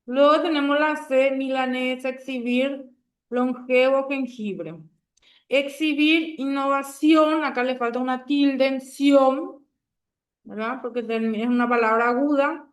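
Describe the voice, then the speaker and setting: A woman's voice: high-pitched, a little slow. A woman teaching a grammar lesson to a class, patient and checking understanding often.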